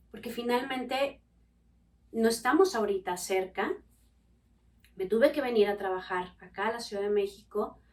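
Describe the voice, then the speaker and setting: A woman with a fairly high voice, recorded from a distance, hosts a podcast as a family coach and tells her listeners personal stories. She is expressive and acts out the voices of the people she quotes.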